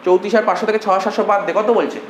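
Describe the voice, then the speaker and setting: ক্লাসে হিসাবশাস্ত্র পড়াচ্ছেন এক পুরুষ শিক্ষক, বারবার একই কথা বলে ছাত্রদের প্রশ্ন করে বোঝান, কথায় বাংলা টান।. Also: male voice, high-pitched, steady tone, rapid-fire. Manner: coaxing, repetitive, asks students questions. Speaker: accounting tutor. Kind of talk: classroom lecture. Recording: echoey room, faint hum.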